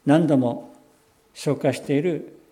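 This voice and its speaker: A pastor giving a sermon, explaining scripture in a measured way and slowing down on key phrases. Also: male voice, a little high, dark tone. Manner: measured, explanatory preaching with slowed emphatic phrases.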